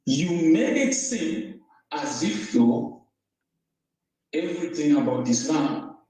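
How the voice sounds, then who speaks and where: A man's voice: fairly high pitch, lively intonation, slow, dark tone, heavy reverb, poor audio. A man from Zambia calling in to a debate show, hesitant with stumbling restarts but turning heated and accusing. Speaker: caller. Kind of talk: argumentative phone-in debate.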